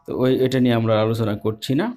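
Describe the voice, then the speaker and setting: A man's voice: mid-range voice, little pitch movement, very fast, a little mellow, soft background music. A man teaching a math lesson live online, explaining step by step in a patient way with small hesitations.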